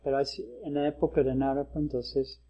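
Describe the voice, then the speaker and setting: Buddhist teacher guy giving a dharma talk, slow and hesitant, mid voice, bit muffled recording. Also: medium pitch, steady tone. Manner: measured, hesitant, with frequent pauses. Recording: slightly dull lo-fi talk recording.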